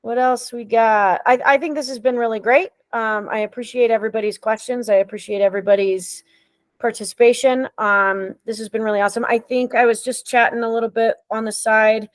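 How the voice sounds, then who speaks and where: A woman running an online meeting in a casual, friendly way, pausing often with ums, heard over a video call. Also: on the high side, dry recording. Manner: friendly, relaxed, with frequent ums. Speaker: meeting facilitator.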